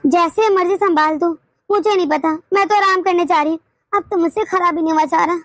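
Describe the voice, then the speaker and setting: A woman's voice: extremely high pitch, a little fast, dry recording. A woman voicing a tired old grandmother in a cartoon, complaining of a headache and grumbling. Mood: pleading tired. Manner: weary, complaining. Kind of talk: cartoon dubbing.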